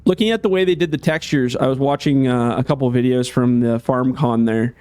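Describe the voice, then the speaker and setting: A game modder gives casual commentary on gameplay, chatting and thinking out loud with plenty of fillers. His mid-range voice is brisk, a little mellow, and slightly hoarse.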